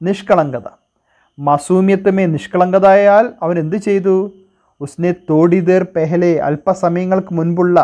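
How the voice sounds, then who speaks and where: A man's voice: high voice, darkish tone. Malayali man teaching line by line. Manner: reads a Hindi phrase, then translates and quizzes with repeated questions. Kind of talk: Hindi lesson explained in Malayalam.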